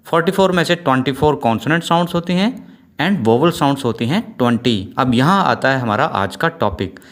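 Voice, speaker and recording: A man with an Indian English accent giving an exam-prep lecture over slides. He explains slowly, repeats example words and keeps asking whether the class follows. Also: medium pitch. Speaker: teacher.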